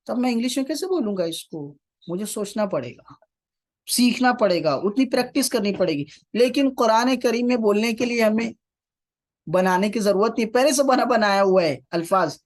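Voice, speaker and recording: A man teaching Quranic Arabic, repeating key phrases and putting rhetorical questions to his class. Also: high voice. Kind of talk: classroom lecture.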